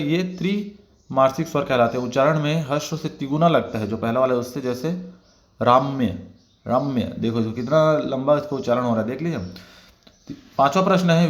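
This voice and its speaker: A man's voice: medium pitch, roomy sound. A man teaching as an exam-prep tutor, going through test questions one by one and checking in with his viewers as he explains. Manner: explanatory, repeats "theek hai" as filler.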